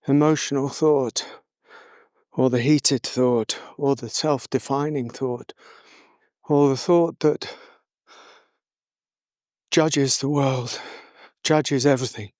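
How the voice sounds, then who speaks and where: A man walking through the hills outdoors, a little out of breath, reflecting slowly with many pauses as a spiritual teacher. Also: medium pitch, dry recording, studio quality. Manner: slow, reflective, pausing often. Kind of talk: walk-and-talk reflection.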